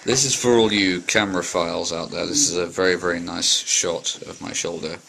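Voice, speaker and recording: A man's voice: sits low, fairly even intonation, fairly quick, gravelly, background noise. A tipsy man vlogging at home during a board game, joking dryly. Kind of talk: tipsy casual chat. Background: people chatting around.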